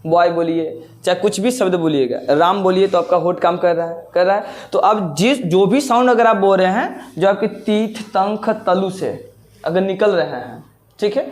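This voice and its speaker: Guy teaching a grammar class, keeps repeating stuff and asking questions back. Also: high voice. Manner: explains step by step, repeats words, asks rhetorical questions. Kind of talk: grammar lesson.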